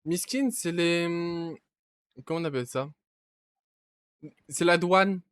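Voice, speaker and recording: A man's voice: fairly high pitch, slow pace, clean tone, dry recording, studio quality. A young man streaming a game, talking to himself as he plays, breaking into panicky yelps and curses. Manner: panicky yelps and shouts, swearing, talks to himself. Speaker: gaming streamer. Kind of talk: casual let's-play commentary.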